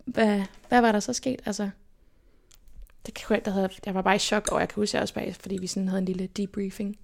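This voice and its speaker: A young woman from Denmark, telling stories from her life as an interview guest in a lively way and acting out what people said. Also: medium pitch, gravelly. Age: young adult. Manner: lively, animated retelling with quoted inner speech. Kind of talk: casual personal storytelling.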